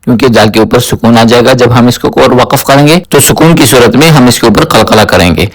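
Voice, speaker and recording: A man teaching tajweed word by word, slowly explaining rules and repeating each word several times in a chanted recitation. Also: mid-range voice. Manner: spoken explanation alternating with melodic chanted recitation. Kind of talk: word-by-word tajweed pronunciation lesson.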